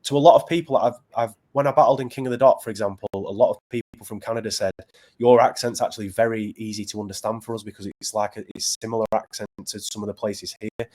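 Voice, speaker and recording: A battle rapper from Preston, England, speaks with a Northern English accent as a guest in a casual interview, earnest and halting, restarting often. His voice is fairly low and darkish, with fairly even intonation.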